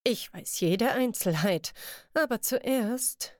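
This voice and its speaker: A woman voicing a sly, smooth-talking male master thief who speaks low and conspiratorially in an audiobook. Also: lively intonation, slow pace, darkish tone, no room sound, clean studio sound. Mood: sly, hushed. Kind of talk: audiobook character voice.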